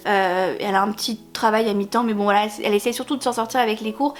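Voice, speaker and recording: A woman's voice: medium pitch, steady tone, rapid-fire, slight background noise. A woman chatting casually about books she bought, hesitating often and laughing now and then. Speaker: book vlogger. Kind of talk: casual book haul chat.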